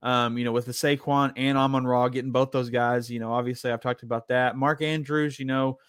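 A man co-hosting a casual live fantasy football stream, measured and easygoing with frequent ums. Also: medium pitch, flat delivery, smooth, no echo.

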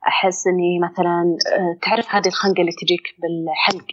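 A woman's voice: on the low side, fast, dull audio. A woman with a Saudi accent, a psychologist explaining things conversationally and acting out inner dialogue. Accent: Saudi Arabic. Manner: expressive, acts out inner dialogue. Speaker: psychologist guest.

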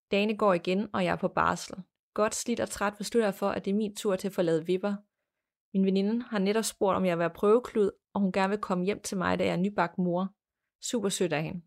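A woman hosting a podcast, reading a listener's ghost story aloud in a measured, plain storytelling manner. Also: mid-range voice, gravelly. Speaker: podcast host.

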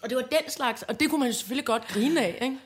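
A woman co-hosting a casual chat podcast, an animated storyteller who acts out voices, laughs often and hesitates a lot. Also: sits high, husky. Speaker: podcast co-host.

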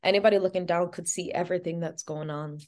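A woman's voice: fairly low pitch, steady tone, fast talker, a little mellow. A woman as an interview guest, telling a personal story in a casual, chatty way with many "like" fillers.

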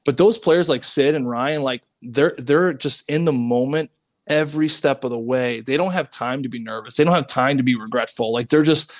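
A former pro hockey player, a man, guesting on a podcast and telling stories in a casual, rambling way with lots of fillers. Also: medium pitch. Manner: rambling, animated, many fillers.

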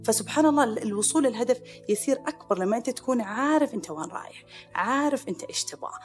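A woman with a Saudi Arabic accent, a psychiatrist hosting a podcast, talking in an animated way and acting out the people she quotes. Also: a little high, very fast. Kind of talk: podcast monologue. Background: soft music.

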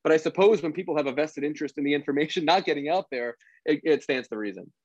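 A Philadelphia sports researcher appears as a guest, explaining things earnestly in a casual interview and often correcting himself. He talks quickly in a fairly high, slightly mellow voice, and the audio is dry, dull and lo-fi.

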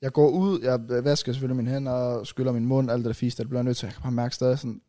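A young man casually retelling a long night out on a podcast, rambling and animated with many restarts. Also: medium pitch, no echo, studio quality. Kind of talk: casual storytelling chat.

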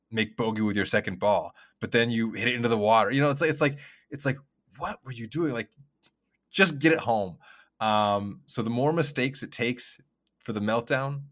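A man's voice: on the low side, a little fast, a bit bright. A man co-hosting a podcast, talking in a loose, rambling way with many fillers. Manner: rambling, filler-heavy talk. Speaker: podcast co-host. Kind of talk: casual chat.

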